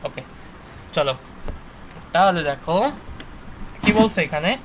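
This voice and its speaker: This young man leads a live online physics class in a fairly high voice, speaking slowly and checking on his students almost every point with "ঠিক আছে?" and "okay". The audio is poor and carries slight background noise.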